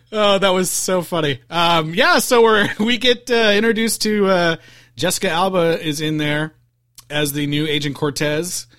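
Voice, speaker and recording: A man's voice: sits high, takes it slowly, sharp tone, no echo, clean studio sound. A man co-hosting a podcast, chatting casually about a movie, giggling often and rambling with restarts. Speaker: podcast co-host.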